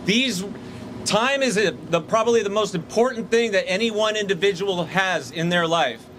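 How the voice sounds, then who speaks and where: Union leader rallying workers outdoors; higher-pitched man, fired up. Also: normal speed, a bit bright, slight background noise. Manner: rousing, call-and-response chanting. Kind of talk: rally speech. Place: outdoors by hotels.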